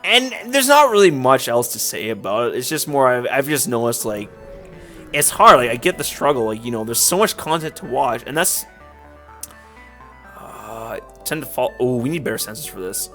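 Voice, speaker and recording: Very animated and a touch bright, a man's medium-pitched voice moves at normal speed as he narrates a game for his let's play channel. His talk wanders, full of fillers and repeated "like," over faint game music.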